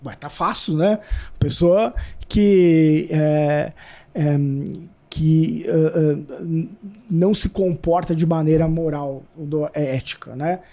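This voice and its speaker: A man with a high voice and a warm, mellow tone answers an interviewer's questions. He speaks bluntly but haltingly, circling through fillers and restarts before landing his point. He comes from Brazil and calls himself hyperactive. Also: steady tone. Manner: self-described hyperactive. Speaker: guest.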